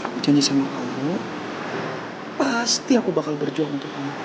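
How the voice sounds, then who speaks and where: A man's voice: a little high, lively intonation, moderate pace, dull audio, heavy background noise, close to an everyday voice. An actor playing an earnest young college student who reassures his girlfriend tenderly. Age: young adult. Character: earnest young college boyfriend, sweet talker.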